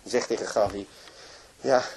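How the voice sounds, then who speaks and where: A man's voice: fairly high pitch, very animated, moderate pace, noisy background. A man telling a moving story in a religious lecture, narrating with emotion and frequent restarts. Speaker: religious speaker.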